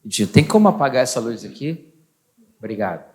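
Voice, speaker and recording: A man's voice: medium pitch, sing-song, normal speed, a little mellow. A man leading a church meeting, prompting guests to speak and the congregation to answer. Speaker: church host. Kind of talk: church talk.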